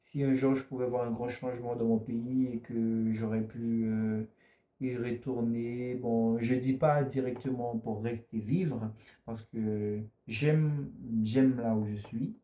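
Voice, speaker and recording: A man's voice: medium pitch, steady tone, slow, warm tone. Earnest man in an echoey room. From French Guiana. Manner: earnest, repeats and restarts words often. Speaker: interview guest. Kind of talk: casual interview answers.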